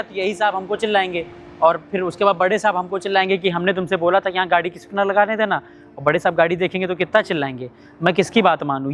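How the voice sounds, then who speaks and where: A man's voice: high voice, fairly bright tone, muffled recording, a little hiss or hum. A man playing a poor, humble security guard who pleads and complains about his bosses. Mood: complaining. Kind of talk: amateur short-film acting.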